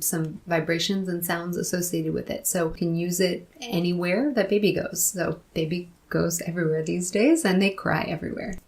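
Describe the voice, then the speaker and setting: A woman in her thirties, a podcast guest explaining her work clearly with a few fillers. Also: on the low side. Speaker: guest, company founder. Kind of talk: casual interview.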